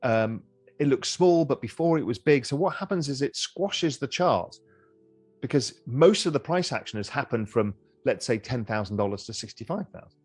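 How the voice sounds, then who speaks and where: Soft, faint music sits behind a middle-aged interview guest whose medium-pitched, slightly rough voice swings animatedly up and down at a moderate pace. Thinking aloud in a conversational way, he often repeats himself and starts phrases over.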